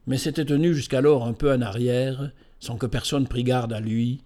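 A man giving scripted storybook narration in a steady, measured reading voice. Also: medium pitch.

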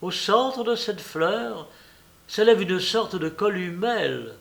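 A man's voice: high-pitched, lively intonation, takes it slowly, vocal fry, pitched above the performer's own voice, full character voice. A man doing a young pedantic scholar. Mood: lecturing. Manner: pedantic, precise, lecturing. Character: young pedantic male scholar, eager lecturer.

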